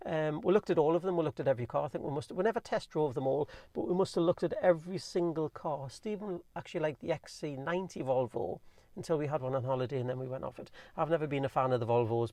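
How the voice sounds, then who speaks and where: A man with a Geordie accent rattling through a casual, rambling Q&A, talking fast with plenty of ums and restarts. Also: fairly high pitch, a little mellow, dry recording. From North East England. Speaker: vlogger reviewing his car. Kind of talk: casual chatty Q&A.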